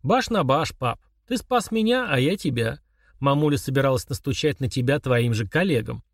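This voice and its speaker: A man voicing a calm, mocking young man who chats casually while confessing murder to his father. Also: medium pitch, normal speed, no room sound, clean studio sound. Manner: chummy, sneering, confessional tone.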